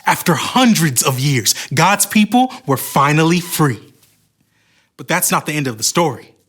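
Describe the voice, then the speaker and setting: A man narrating a Bible story for children in a clear, storytelling delivery. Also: fairly high pitch, animated, moderate pace, a bit bright.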